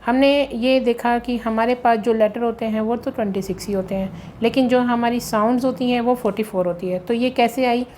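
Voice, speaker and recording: A woman's voice: on the high side, fairly even intonation, a little fast, darkish tone. A woman teacher works through exam questions at a patient pace, repeating key points and reading out the terms. There is a faint hum under the recording. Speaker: English grammar teacher. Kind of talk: exam-prep lesson explaining questions.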